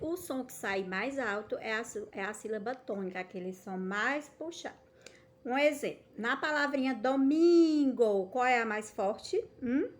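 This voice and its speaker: A woman's voice: on the high side, a bit bright. Patient woman teaching young children. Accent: Brazilian Portuguese. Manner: patient, checks in often with "tá certo?"; stretches words slowly to show stress. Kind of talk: recorded remote lesson for children.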